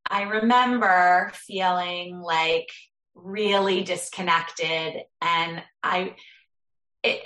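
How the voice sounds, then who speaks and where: A woman telling a personal story as a guest in an interview, earnest and halting, often restarting her sentences. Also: lowish voice, steady tone, fairly bright tone, reverberant.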